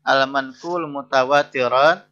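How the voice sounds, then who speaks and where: A man, teaching an interactive lesson: he reads Arabic phrases slowly, explains each, and keeps checking with his students. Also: medium pitch, fairly even intonation, sharp tone, lo-fi sound. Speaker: lecturer.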